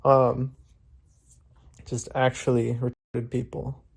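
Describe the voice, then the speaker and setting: A man's voice: mid-range voice, completely flat delivery, slow pace, vocal fry, husky. A young man from Florida vlogging casually into a phone camera, rambling with lots of fillers and laughing often, first outdoors at a protest and then in his room. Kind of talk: casual vlog talk.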